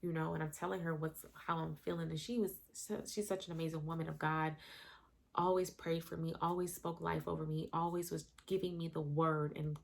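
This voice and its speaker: Woman, thirties, deep voice with vocal fry, candid emotional storytime. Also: little pitch movement, brisk. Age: 30s. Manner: candid, emotional, conversational retelling. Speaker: vlogger. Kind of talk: personal storytime.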